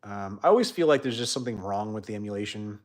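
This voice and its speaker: A young man hosting a casual livestream chat, rambling with many fillers and trailing off quietly at the ends of sentences. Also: lowish voice, animated, fast talker. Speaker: host.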